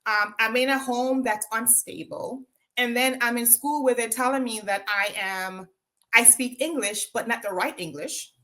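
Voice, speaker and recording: This woman from Jamaica has a fairly high, sharp voice and talks at a normal speed. As an interview guest she reflects on her own story in a Jamaican accent, with plenty of ums and tag questions.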